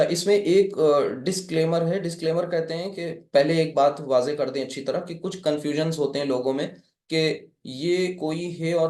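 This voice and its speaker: A man's voice: a little high, a little mellow, reverberant. A man from India teaching a live Arabic class, patiently explaining step by step and quizzing his students.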